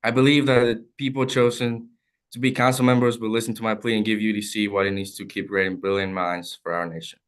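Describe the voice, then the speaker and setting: A man's voice: on the low side, level tone, fast talker, smooth. A young man from El Salvador, a student, reading prepared testimony at a hearing in an earnest, formal and heartfelt way. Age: young adult.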